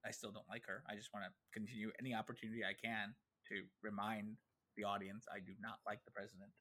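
A man's voice: on the low side, little pitch movement, fast, pushed and bright. A man co-hosting a casual podcast, talking animatedly and swearing freely while he acts out characters' lines. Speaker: podcast co-host. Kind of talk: casual chat.

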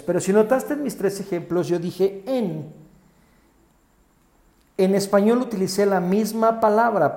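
A man's voice: high-pitched, a little mellow, echoey room. A man hosting a podcast English lesson, patiently repeating words for listeners to say with him. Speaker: English teacher, podcast host.

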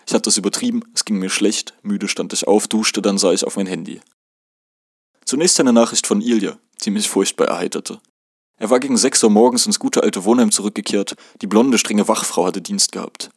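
A man from Germany reads his own first-person memoir in a calm, measured voice. His pitch sits on the low side. The recording is dry and close, with no room around it. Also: slightly rough, no room sound. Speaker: narrator.

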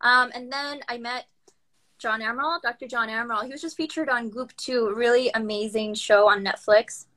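A woman in her late twenties from the United States, a doctor talking as a podcast guest on a live video call, animated and laughing often. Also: a little high, moderate pace. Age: 20s. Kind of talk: casual conversation. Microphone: phone on a live video call.

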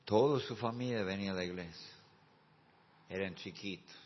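A male pastor preaching a sermon, moving from quiet, slow asides to shouted, drawn-out climaxes. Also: low-pitched. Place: church hall. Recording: muffled sound with long hall reverb.

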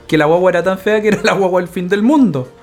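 A man's voice: high-pitched, fast talker, darkish tone, faint music behind. A Chilean man co-hosting a podcast, teasing and joking in casual chat, laughing often. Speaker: podcast co-host. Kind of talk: casual banter.

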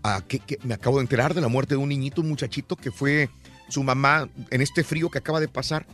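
A male radio host with an ordinary mid-range voice, chatting in a studio. He is easygoing and full of quick agreements. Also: medium pitch, fairly even intonation, a bit bright, soft background music. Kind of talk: casual radio talk.

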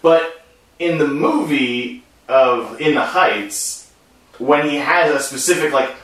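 A man's voice: fairly high pitch, expressive, takes it slowly, a bit bright. A man in casual conversation about musicals, giving easy replies and his own opinions. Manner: conversational, with brief agreeing replies. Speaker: co-host discussing a musical and its film. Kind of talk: casual chat. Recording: echoey room, distant from the mic.

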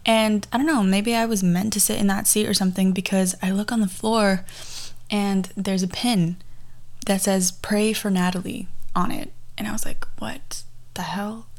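A woman's voice: mid-range voice, steady tone, moderate pace. A woman of twenty-one hosting a casual podcast from a garage, telling personal stories in a chatty, rambling way that often backtracks. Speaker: podcast host. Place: recorded in a garage.

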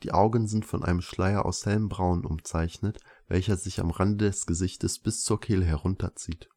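A man calmly reading a first-person story aloud as narrator, in a measured pace. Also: low-pitched.

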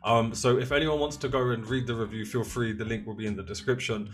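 A man's voice: mid-range voice, steady tone, fast talker. A man hosting a podcast, speaking in a conversational interview style with some prepared introductory delivery. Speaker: podcast host.

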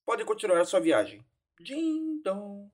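A woman putting on a formal airline pilot making a cabin announcement. She speaks the chime aloud, and it sounds like it comes over a distant cabin loudspeaker. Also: medium pitch, sing-song, slow, voice pushed down. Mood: announcing. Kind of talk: comic bit in a casual podcast.

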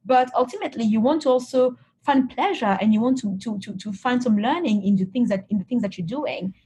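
A woman's voice: fairly high pitch, a little fast, warm tone, a little hiss or hum. A woman from Cameroon, a guest in an interview, answering reflectively with frequent restarts and "you know" fillers.

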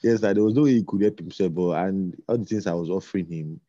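In casual conversation, a man with a very low, mellow voice halts, restarts phrases, repeats words and fills gaps with lots of ums. The audio is dry and a little dull, like a lo-fi recording with no room sound.

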